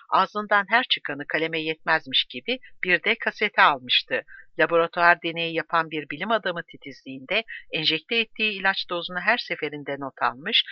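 Man narrating true crime, slightly high voice, steady, dry muffled sound. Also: no room sound. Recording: dull dry close recording.

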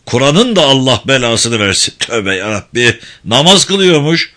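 A man's voice: medium pitch, sing-song, measured pace, sharp tone. A man voicing a hot-tempered male prison director who blusters and threatens. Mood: furious.

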